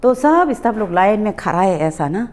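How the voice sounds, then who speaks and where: A woman's voice: medium pitch, moderate pace. A middle-aged woman from Arunachal Pradesh, a public health nursing officer and guest, telling a story in conversational style and acting out the exchanges. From Arunachal Pradesh, India. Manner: animated, acts out quoted exchanges, mixes in English words.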